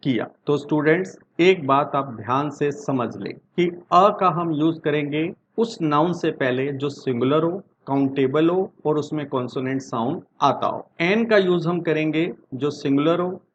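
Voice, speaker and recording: A man teaching English grammar in Hindi. He asks his class questions and answers them himself, and reads the example sentences slowly. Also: on the high side, lo-fi sound, a little hiss or hum. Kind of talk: Hindi-language grammar lesson.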